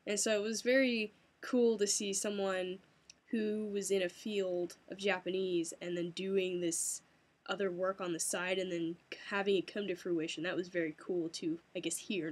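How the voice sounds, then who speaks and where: Young woman, casual vlog recap, chatty, animated, laughs often, mid pitch. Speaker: vlogger. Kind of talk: casual first-person recap.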